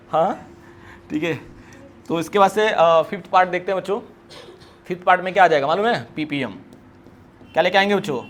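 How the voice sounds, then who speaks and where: A man's voice: a little high, slight background noise. A man teaching a chemistry lecture in a classroom, calling his students kids and asking questions that he answers himself.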